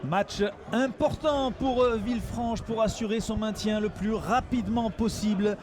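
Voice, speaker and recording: A man giving excited sports commentary as a football match commentator. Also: high voice, a little slow. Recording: music and outdoor noise behind voice. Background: music.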